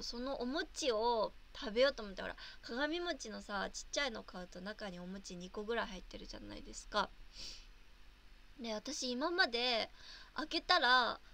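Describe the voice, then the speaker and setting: A woman's voice: fairly high pitch, pushed and bright. A young woman from Japan chatting casually on a livestream, reading viewer comments and giggling often.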